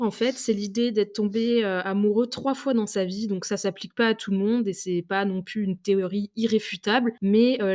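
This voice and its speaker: A woman in her twenties from southwestern France hosts a personal podcast. She speaks off the cuff in a mid-pitched voice, casual and confiding. Her delivery is chatty and a little hesitant as she gathers her thoughts. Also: a little mellow. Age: 20s. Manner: hesitant, unscripted, chatty with small laughs. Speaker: podcast host. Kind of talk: casual, confessional solo podcast talk.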